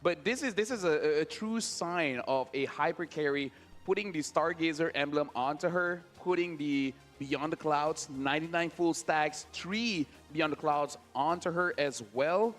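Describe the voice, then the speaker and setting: Male esports caster, high voice, excitable and emphatic live match calls, music underneath. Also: unhurried.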